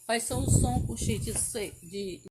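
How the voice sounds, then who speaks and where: A woman teacher slowly reading out sentences and word lists in a spelling lesson, stretching each word with care. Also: on the high side. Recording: audible background noise.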